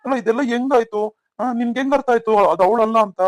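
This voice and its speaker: A man's voice: high voice, fast talker, no room sound, close to an everyday voice. A man voicing a caring young elder brother who consoles and questions his sibling in a cartoon story. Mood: worried. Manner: concerned, soothing.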